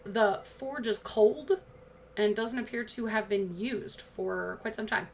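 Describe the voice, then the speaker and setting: A woman's voice: medium pitch, slow pace, a little hiss or hum. A woman narrating a tabletop game as game master, describing scenes and slipping into casual chat.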